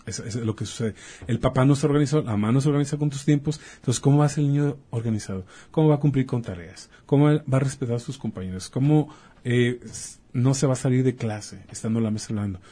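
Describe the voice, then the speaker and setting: A man with a warm, mellow and slightly husky voice, talking like a doctor on a chat show. He explains by acting out short dialogues and firing off rhetorical questions. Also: medium pitch, fast talker. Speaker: doctor guest. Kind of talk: casual talk-show chat.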